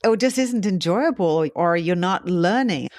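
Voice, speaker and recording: Woman podcast host, eager and encouraging, low voice, dry close recording. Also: animated, a little slow, darkish tone, no echo. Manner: enthusiastic, affirming, frequent backchannel "yeah". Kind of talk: interview conversation.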